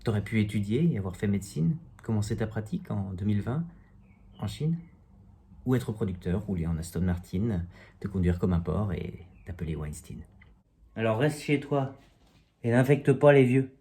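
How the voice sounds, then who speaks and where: Man in his thirties with a lowish voice, reads his own comic poem at home, deadpan and self-mocking. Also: normal speed, a little hiss or hum. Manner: self-mocking, jokey asides between verses. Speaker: amateur poet reciting his own poem. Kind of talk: casual home video poetry reading. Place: at home, indoors.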